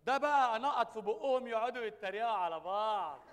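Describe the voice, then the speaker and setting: A cheeky sailor full of wisecracks, with an Egyptian accent and a very high voice for a man. He rattles his lines off extremely fast in a stage comedy, echoing in a noisy theatre. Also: lively intonation, fairly bright tone. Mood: teasing. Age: young adult. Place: large indoor theatre stage.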